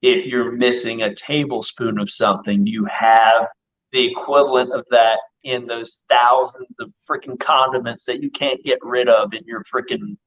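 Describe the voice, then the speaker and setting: Excitable guest chef, muffled lo-fi audio. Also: male voice, mid-range voice. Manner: excitable, rapid storyteller. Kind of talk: casual live-stream chat.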